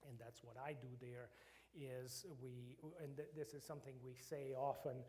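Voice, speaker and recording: A middle-aged Croatian man with a Croatian accent speaks in a mid-range, slightly mellow voice. He's a professor giving an informal lecture to a church group in a church meeting room, sounding hesitant with lots of fillers and restarts.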